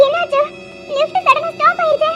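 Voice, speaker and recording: A frightened young woman trapped in a lift, voiced by a woman in a cartoon calls for help in a very high, thin, squeaky voice. She pleads and cries out, her voice climbing as she begs. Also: fairly even intonation, brisk, a bit bright, dull audio, soft background music. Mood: panicked. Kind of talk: cartoon voice acting.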